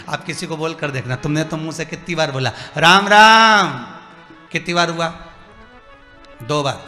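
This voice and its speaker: Male preacher, fairly high, bright voice, live sermon in a reverberant hall with music under it. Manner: animated, acts out dialogue and asks the crowd questions. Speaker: religious storyteller. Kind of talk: devotional sermon with storytelling.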